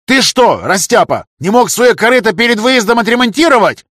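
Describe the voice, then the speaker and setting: A man voicing a pompous, hot-tempered senior adviser to an emperor who bosses people around and flies into loud rages. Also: mid-range voice, lively intonation, moderate pace, breathy edge, no room sound, clean studio sound. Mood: furious. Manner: shouting, bossy, easily outraged.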